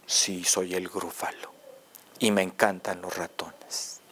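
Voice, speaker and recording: A man voicing a huge male gruffalo monster who talks slowly and menacingly. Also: sits low, little pitch movement, fairly bright tone, pitched below the performer's own voice, exaggerated voice.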